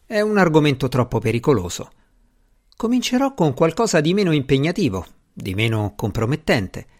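A man voicing an anxious young gentleman magician, fretful and exclamatory. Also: a little high, big pitch swings, moderate pace. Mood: musing.

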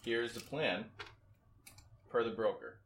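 A man playing a tabletop game, talking bluntly and casually, swearing freely and thinking out loud. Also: medium pitch, slow, echoey room, a little hiss or hum. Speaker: player. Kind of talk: casual chat.

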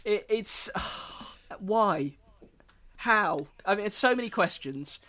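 A man's voice: high voice, expressive, takes it slowly, bright, forceful tone. A man hosting a podcast, chatting casually and hesitantly with frequent ums and restarts. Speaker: podcast host.

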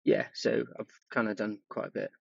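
A man's voice: fairly low pitch, level tone, normal speed, creaky, slightly rough, no room sound, dull audio. A man in his thirties from Wales, a performance coach talking casually as a podcast guest, with lots of ums and yeahs. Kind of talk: podcast interview.

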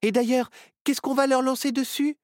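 A woman voicing a confident, bubbly young girl witch in a storybook, with a lively, boastful manner. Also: high-pitched, moderate pace, dry recording, clean studio sound, natural voice.

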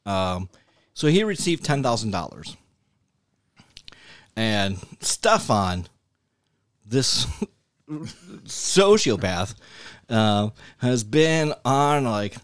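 A man's voice: mid-range voice, clear, resonant tone, no echo, clean studio sound. A man co-hosting a casual podcast, blunt and ranting, laughing often. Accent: Buffalo, New York. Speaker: podcast co-host. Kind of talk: casual comedic podcast chat.

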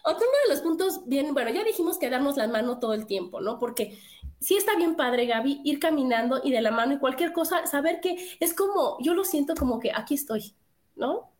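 A middle-aged woman with a Mexican accent, co-hosting a casual chat, talking in a lively way with many rhetorical questions. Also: high voice, a little fast. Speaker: co-host. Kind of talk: casual chat reading viewer comments.

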